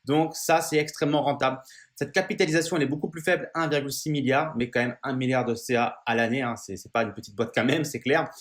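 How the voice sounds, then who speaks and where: A man's voice: mid-range voice, steady tone, quick pace. A man talking casually to his viewers about investing, informal and full of fillers and restarts. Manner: addresses viewer familiarly. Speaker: finance YouTuber. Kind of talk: casual explainer video.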